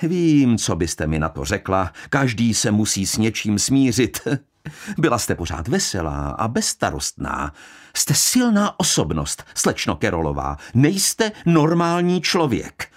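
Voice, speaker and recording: This is a man voicing a bitter, scornful young daughter, his fairly low voice swooping wildly in pitch. Her delivery is cold, sharp, piercing and full of contempt.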